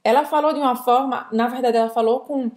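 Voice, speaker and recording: A woman with a Brazilian accent, her voice sitting a bit high, explains French grammar in a relaxed lesson chat. She slows down to spell out sounds and words for learners. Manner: explanatory, demonstrates pronunciation slowly. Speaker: French teacher, co-host. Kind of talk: conversational language lesson.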